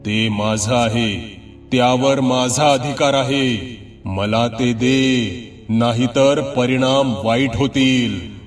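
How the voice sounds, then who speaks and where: A man voicing a menacing male ghost with a rotting face, in a thick, coarse, strange voice, slow and threatening. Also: mid-range voice, fairly even intonation, far from the mic, soft background music, lightly acted. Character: menacing rotting-faced male ghost demanding his due.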